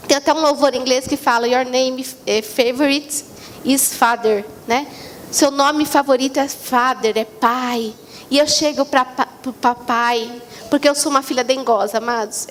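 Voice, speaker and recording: A woman's voice: high-pitched, steady tone, moderate pace, a little hiss or hum. A Brazilian woman pastor preaching a chatty, humorous sermon, often calling the congregation "beloved". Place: church sanctuary. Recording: church hall reverb.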